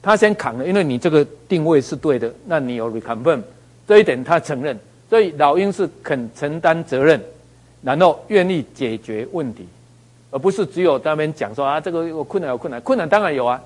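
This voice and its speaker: A man giving a motivational talk, animated, telling stories and asking the audience rhetorical questions. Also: on the high side. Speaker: speaker.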